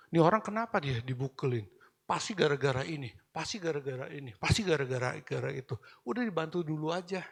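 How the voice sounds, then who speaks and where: Gravelly-voiced man preaching with animation. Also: on the high side. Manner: animated preaching, mixing in English phrases. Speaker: pastor. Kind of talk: sermon.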